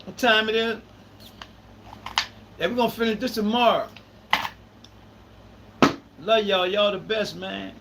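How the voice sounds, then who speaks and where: A man's voice: high-pitched, fairly even intonation, a little slow, vocal fry, pauses often, background noise. A man, hosting a live podcast in casual talk and repeating phrases for emphasis. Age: 30s. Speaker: podcast host.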